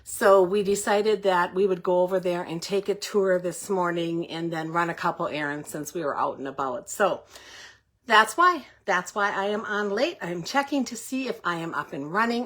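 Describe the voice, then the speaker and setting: Chatty and a little breathless, this older paper crafting livestream host from Middle Tennessee, United States, greets viewers by name during casual chat. Her voice sits on the low side at normal speed.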